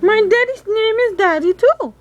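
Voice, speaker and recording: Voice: extremely high pitch, expressive, normal speed, highs cut off. A performer voicing a friendly, inquisitive pink dragon puppet, chatting simply with a small child as if over the phone. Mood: amused, surprised.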